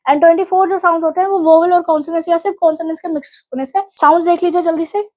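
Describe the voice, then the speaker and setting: A woman's voice: very high-pitched, fairly even intonation, very fast, a little mellow. A young woman from India with an Indian English accent, giving a lesson and explaining step by step in mixed Hindi and English. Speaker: teacher. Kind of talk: exam revision lecture.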